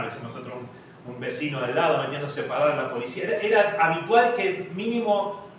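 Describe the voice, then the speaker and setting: A man with a Rioplatense Spanish accent preaching a sermon and telling a personal story, with halting restarts. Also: mid-range voice, a bit bright, slight background noise. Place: large church hall. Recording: very echoey hall, distant mic.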